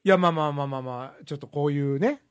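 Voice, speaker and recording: A man's voice: a little high, quick pace, smooth. A man co-hosting a podcast, chatty and agreeable, trading jokes with the host. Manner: chatty, agreeable, jokey, lots of back-channel replies. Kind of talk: casual chat.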